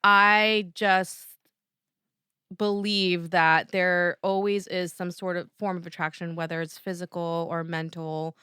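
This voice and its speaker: Bright, clear-voiced East Coast woman chatting. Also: fairly low pitch, little pitch movement, slow, no echo, clean studio sound. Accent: East Coast American. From New Jersey. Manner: chatty, restarts often, laughs easily. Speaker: podcast co-host. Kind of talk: casual chat.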